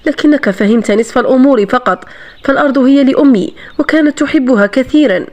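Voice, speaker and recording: A woman's voice: high-pitched, fast talker, darkish tone, lightly acted. A woman reading the part of a proud, bitter young woman in a novel, speaking in a haughty, defiant way.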